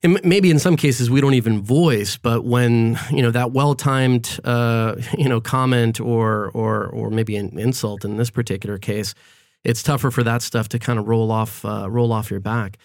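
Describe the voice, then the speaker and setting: A man's voice: medium pitch, steady tone, moderate pace, a little mellow, no echo, studio quality. A man in his forties, raised in Florida, talking reflectively in a casual podcast conversation, often checking in with "right?" and "you know". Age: 40s.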